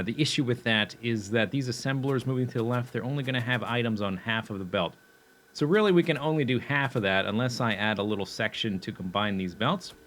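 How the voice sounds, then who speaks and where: A man's voice: mid-range voice, a bit bright. A young man casually commenting on his own gameplay as he plans a factory build, thinking aloud with fillers and self-corrections, and he has the hiccups. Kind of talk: casual let's play commentary.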